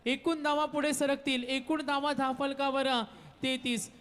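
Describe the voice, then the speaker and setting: A man's voice: very high voice, level tone, unhurried, a bit bright. A man giving live cricket commentary and calling out the score. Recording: long reverb, like a PA system.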